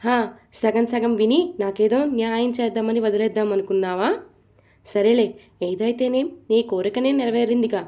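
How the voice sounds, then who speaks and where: A hurt young wife who snaps back with reproach in a spoken storybook, played by a woman narrator. The voice is fairly high and mellow. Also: steady tone, normal speed, close to an everyday voice. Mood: angry. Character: young wife, hurt, angry and sharp-tongued.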